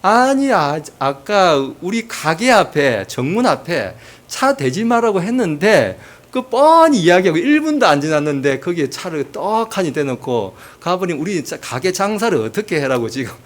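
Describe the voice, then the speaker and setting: A man's voice: high-pitched, very animated, moderate pace, few pauses, voice pushed up. A man doing a furious Gyeongsang shopkeeper. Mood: angry scolding. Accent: Gyeongsang dialect. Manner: shouting, indignant scolding. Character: furious shopkeeper scolding on the phone.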